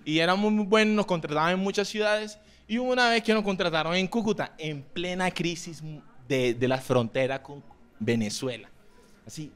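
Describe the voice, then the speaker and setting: A young man with a Colombian coastal accent doing a brash, profane stand-up set on a club stage. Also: sits high. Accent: Colombian coastal Spanish. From Colombian Caribbean coast. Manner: brash, profane, acts out loud characters. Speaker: stand-up comedian. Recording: live club recording, audible noise. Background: audience laughter and room ambience.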